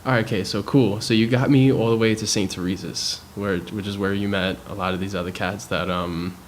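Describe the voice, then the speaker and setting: Young male host, lowish voice, loose and enthusiastic with slang, faint background hiss. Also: fairly even intonation, a little fast. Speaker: interviewer host. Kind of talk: casual interview chat.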